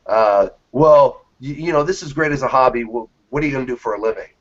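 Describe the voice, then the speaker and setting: A man's voice: mid-range voice, fast talker. A man in his late thirties, a magician telling stories in a casual interview and acting out the reactions of the people in them. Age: 30s. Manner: animated storyteller, acts out quoted reactions. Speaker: magician guest. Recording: dull lo-fi interview audio.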